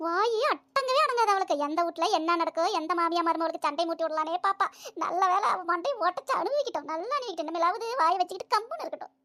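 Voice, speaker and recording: A sharp-tongued older mother-in-law from a family cartoon lectures and scolds, voiced by a woman. Her voice sits very high and rings bright, and she rattles her lines off quickly. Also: expressive, exaggerated voice. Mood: gloating. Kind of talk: cartoon voice acting.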